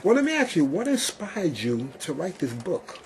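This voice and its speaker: A man hosting a talk show, asking long-winded questions he keeps rephrasing and answering with steady okays and yeses. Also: a little high, moderate pace, slight background noise. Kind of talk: casual interview.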